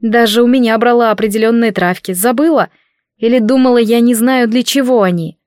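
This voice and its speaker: A woman voicing a calm, dignified young maid who speaks quietly and with restraint. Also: a little high, brisk, no echo, studio quality, voice pushed up, lightly acted. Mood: cool. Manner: quiet, restrained, soft-spoken.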